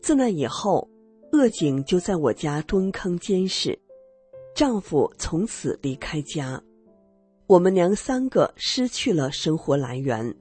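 A woman narrating a first-person story on a radio program, earnest and expressive. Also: fairly low pitch, a little slow, soft background music.

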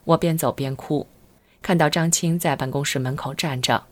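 A middle-aged woman reading aloud a first-person testimony in an earnest, steady storytelling manner. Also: sits low, moderate pace. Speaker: narrator of a personal account.

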